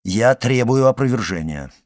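A man's voice: mid-range voice, lively intonation, normal speed, lightly acted. A man reading the part of a proud young nobleman in an audiobook, speaking firmly and insistently. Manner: firm, clipped, demanding.

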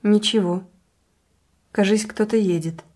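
A woman voicing a village sexton's wife who answers quietly and calmly. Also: mid-range voice, normal speed, natural voice. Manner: quiet and unruffled.

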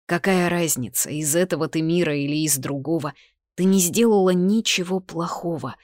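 A woman reading the lines of a calm, caring young male mage in an audiobook, in an even, reassuring tone. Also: fairly high pitch, normal speed, no room sound, clean studio sound, natural voice. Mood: tender.

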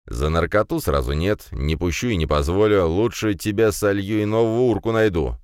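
A man voicing a gruff, bossy male investigator disguised as a stout woman, in an audiobook. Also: sits low, normal speed, a little mellow, dry recording, clean studio sound, pitched above the performer's own voice, natural voice. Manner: grumbling, bossy. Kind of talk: audiobook character voice.

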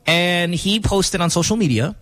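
A man hosting a morning radio show, telling a story in quick, animated banter with laughing asides. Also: high-pitched, dry recording.

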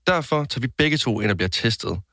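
Man co-host, mid-pitched, measured dry humor, dead dry studio sound. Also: animated, creaky, sharp tone, no echo. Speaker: podcast co-host. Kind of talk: casual chat.

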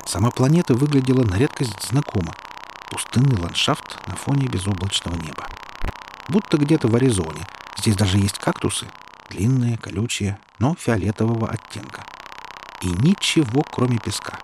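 Low-voiced male audiobook narrator. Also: lively intonation, moderate pace, background noise.

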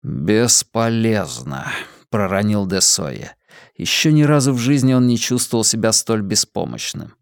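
A man narrating an audiobook in a steady, measured reading voice. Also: fairly low pitch, creaky, no room sound, clean studio sound.

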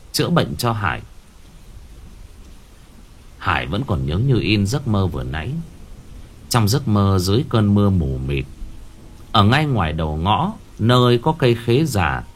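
A man narrating a scripted ghost story in a dramatic, expressive way. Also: lowish voice.

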